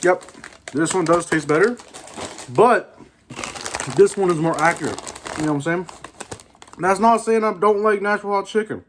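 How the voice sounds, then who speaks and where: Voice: mid-range voice, normal speed, pauses often. Casual, rambling snack reviewer with background noise. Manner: informal, rambling, addresses viewers directly. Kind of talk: casual chat food review to camera.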